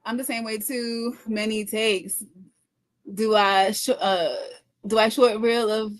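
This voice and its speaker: During a casual live chat, a livestream host reads out viewer comments in a slightly high, steady voice. She speaks fast, and her talk is full of stumbles and repeated phrases.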